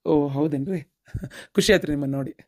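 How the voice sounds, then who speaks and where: A woman voicing caring village relatives in a cartoon, with a North Karnataka Kannada accent and a brisk, reassuring manner. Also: deep voice, darkish tone. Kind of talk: cartoon voice acting.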